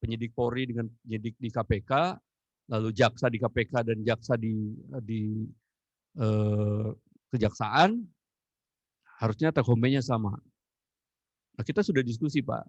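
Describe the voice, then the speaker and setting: A man's voice: medium pitch, unhurried, long pauses, a little mellow, dry recording, lo-fi sound. Guy answering questions in a webinar, rambly with tons of filler tags, dry mic. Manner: rambling, many "eh" and "gitu kan ya" tags. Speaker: anti-corruption agency official answering questions.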